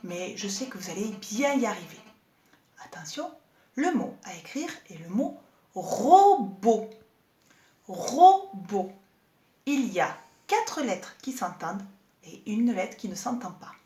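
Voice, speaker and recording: A woman teaching young children in a lesson video, talking slowly and articulating each sound clearly, with an encouraging manner. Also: medium pitch, big pitch swings, a little mellow.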